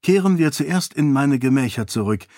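A man reading an audiobook, voicing a determined young noblewoman who talks in a brisk, insistent way. The recording is dry. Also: medium pitch, lively intonation, a little mellow, no echo, voice pushed up, close to an everyday voice. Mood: earnest. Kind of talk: audiobook character voice.

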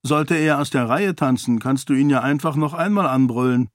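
A man's voice: mid-range voice, moderate pace, no echo, clean studio sound, voice pushed up, close to an everyday voice. A man voicing a teasing, jovial young nobleman in an audiobook. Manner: teasing, laughing.

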